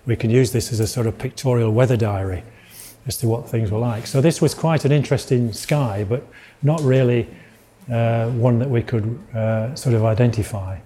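A man's voice: mid-range voice, normal speed, dark tone, a little hiss or hum. A middle-aged man with a Yorkshire accent giving an illustrated lecture, rambling with restarts and asides.

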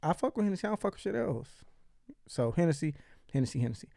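Blunt, gravelly podcast host. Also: male voice, a little high, sing-song, quick pace, dark tone, no echo, clean studio sound. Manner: blunt, profane, teasing. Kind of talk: casual podcast chat.

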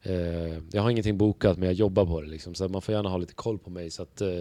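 A man who is a stand-up comedian, chatting casually as a podcast guest and telling stories animatedly, with plenty of swearing and filler words. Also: low voice. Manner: animated storyteller, acts out other people's lines.

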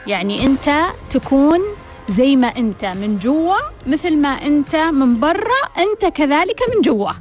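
High-voiced woman radio host. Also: expressive, moderate pace, soft background music. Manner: rhetorical, repeats key phrases, storytelling. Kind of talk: reflective talk radio monologue.

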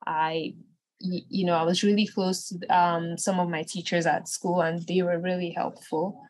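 A woman's voice: lowish voice, normal speed, no room sound. A woman in her twenties from Nigeria, an entrepreneur answering interview questions casually, with many fillers. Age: 20s. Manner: relaxed, many fillers like "you know". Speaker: entrepreneur guest.

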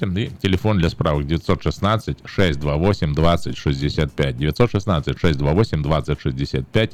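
A man co-hosting a casual radio talk show, teasing and sarcastic as he asks listeners to call in. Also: sits low. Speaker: radio host.

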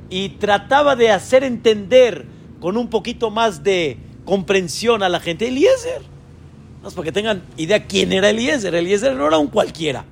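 Gravelly-voiced rabbi giving a lesson. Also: male voice, a little hiss or hum. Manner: asks the listeners many rhetorical questions; voices quoted figures with sudden high pitch. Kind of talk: Torah lesson in Spanish.

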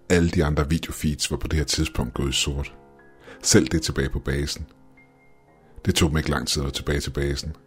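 Very deep, husky male horror narrator. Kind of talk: scripted horror story narration.

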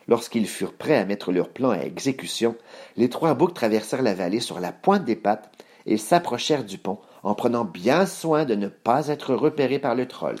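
Expressive man reading a children's story. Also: medium pitch, slightly rough. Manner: expressive, with sound effects.

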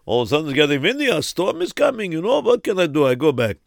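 A man voicing a pious, excitable middle-aged man who stammers and exclaims. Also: a little high, fast talker, gravelly, no room sound, studio quality, pitched above the performer's own voice. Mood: worried.

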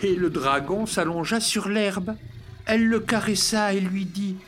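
A storyteller reading a children's fairy tale aloud in an expressive, scripted narration. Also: medium pitch, a little slow, slight background noise. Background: music.

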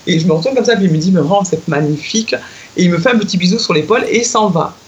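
A middle-aged woman recounting a memory in a relaxed conversation. She gets excitable, laughs easily and leaps up in pitch when she acts out what people said. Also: racing, dull audio, slight background noise. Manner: excitable, laughs often, lively acted-out quotes. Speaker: guest telling a personal story. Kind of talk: casual storytelling chat.

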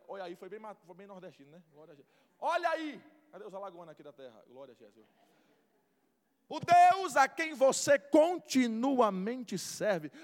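A male pastor delivers a passionate sermon. His voice is high for a man. He sweeps from near-whispers up to ringing shouts, and a long hall reverb trails each phrase. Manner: fervent, swings from hushed to shouting. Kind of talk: preaching sermon.

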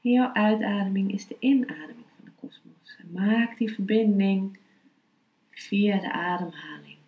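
A woman speaking as a meditation and philosophy teacher, calm, unhurried and instructive. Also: medium pitch, phone-quality sound. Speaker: yoga philosophy and meditation teacher, podcast host. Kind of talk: spoken lesson, then slow guided meditation. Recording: roomy, echoing sound.

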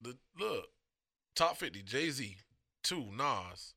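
A man with a gravelly, bright and forceful voice, talking loosely and profanely with a co-host. He has the hiccups and jumps between points in animated banter. The sound is dry and close. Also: medium pitch, slow pace, dry recording. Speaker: podcast co-host. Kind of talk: casual chat.

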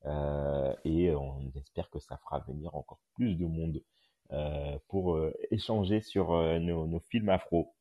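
A man's voice: very deep voice, a little slow, narrow, tinny audio. A man hosting a casual live podcast room as a journalist, talking with lots of hesitant filler sounds over a phone mic on an audio app. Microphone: phone on an audio chat app.

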